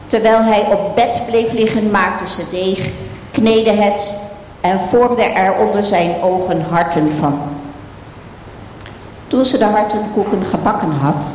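Slow, measured scripture reader in a hall. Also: a little mellow. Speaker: Bible reader. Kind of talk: scripture reading. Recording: roomy hall reverb, faint rumble.

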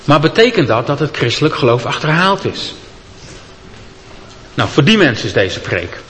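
A man reading a scripture passage aloud and then preaching a sermon, with an expressive delivery that gives the speakers in the story their own voices. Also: fairly high pitch, normal speed, slight background noise. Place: church. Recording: long church reverb.

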